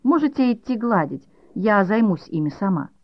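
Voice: mid-range voice, big pitch swings, moderate pace, dry recording, pitched above the performer's own voice. Clingy, gushing audiobook mother done by the reader, slightly raised voice, dry lo-fi sound. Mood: pleading. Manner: gushing, pleading, theatrical. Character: doting, clingy mother of young sons. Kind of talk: audiobook character voice.

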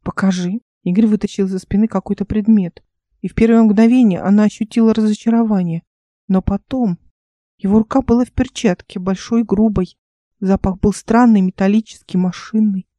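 A woman narrating her own fantasy audiobook in a calm, measured reading. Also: medium pitch, no room sound.

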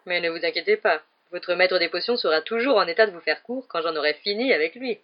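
Reader putting on a boastful wizard teacher, high-pitched, loud, theatrical, dull lo-fi audio. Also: male voice, fast, close to an everyday voice. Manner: showy, loud, theatrical announcing. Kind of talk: audiobook character voice. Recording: dull lo-fi recording.

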